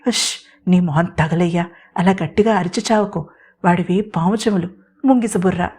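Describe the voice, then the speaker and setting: A woman's voice: fairly low pitch, darkish tone, breathy edge. A woman voicing a bold, scheming young woman who scolds and bosses others in an audio story. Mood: bossy teasing. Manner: bossy, rapid, scolding.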